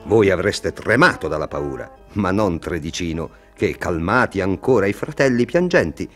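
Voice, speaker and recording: A man narrating a fairy tale for children, expressive and talking to them directly. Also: low voice, normal speed, faint music behind. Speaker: storyteller.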